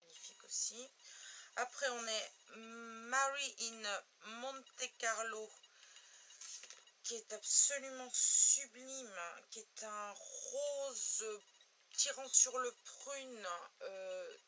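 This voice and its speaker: A woman from France gives a makeup swatch review from home, speaking very slowly and letting her repeated words fade to almost nothing. Her voice sits a little high and sounds bright and sharp. A faint hum of room noise stays underneath. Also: low-quality recording. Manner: slow, drawn-out, trails off quietly on repeated words. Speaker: beauty blogger.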